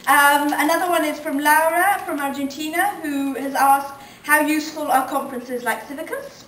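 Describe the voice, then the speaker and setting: Picked up by a distant mic in an echoey conference meeting room with faint noise, this woman speaks at a moderate pace in a high-pitched, fairly bright voice. She's a radio show editor leading the discussion at an editorial meeting, posing questions with lots of hesitant ums.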